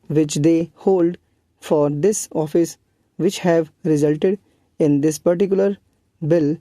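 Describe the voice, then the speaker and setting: Someone dictating slowly in short chunks, really dark soft-edged tone, measured. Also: medium pitch, no room sound. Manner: dictating in short separated phrases with pauses. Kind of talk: slow, measured dictation for transcription practice.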